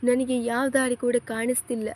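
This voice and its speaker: A woman's voice: a little high, level tone, moderate pace, a little mellow, slight background noise, natural voice. A woman voicing a struggling young saleswoman, anxious and tearful. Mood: despairing. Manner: distressed, tearful.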